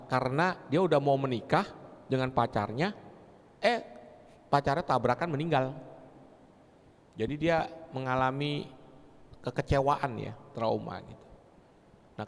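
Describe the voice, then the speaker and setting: Man teaching in a reverberant hall. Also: fairly high pitch. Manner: lively, conversational, with many rhetorical questions. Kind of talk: teaching talk with personal stories. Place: large church hall.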